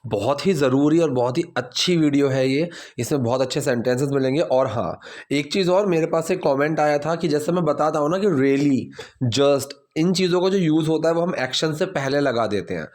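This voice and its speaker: A man's voice: on the high side, moderate pace, darkish tone. A man with an Indian accent teaching English lessons, explaining grammar in a chatty, conversational way and checking in with his listeners. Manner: conversational, asks listeners questions.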